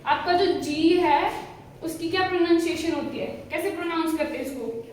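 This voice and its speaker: A woman teaching a spelling lesson to a class, slow and questioning, repeating the answers back. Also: extremely high pitch, slight background noise. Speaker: English teacher. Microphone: far from the mic. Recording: very echoey room from far off.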